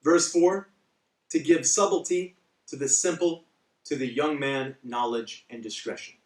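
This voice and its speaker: A man's voice: mid-range voice, a little slow. A man preaching a devotional Bible teaching, telling humorous stories with wry asides. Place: church. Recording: echoey room, speaker far from mic.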